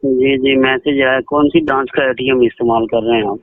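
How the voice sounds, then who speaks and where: A man, heard over a phone line, posing as a bank officer and pressing the other person for card details in a smooth, insistent way. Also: medium pitch, steady tone, brisk. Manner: smooth, insistent, repeats "ji ji" to keep the caller going. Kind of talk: phone call. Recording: tinny phone call recording.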